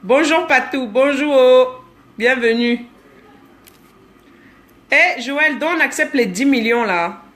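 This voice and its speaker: A woman's voice: sits high, slow, long pauses, a bit bright. A woman in her thirties with a Cameroonian accent, chatting casually on a live stream, greeting viewers by name and teasing them. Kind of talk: casual live-stream chat reading comments.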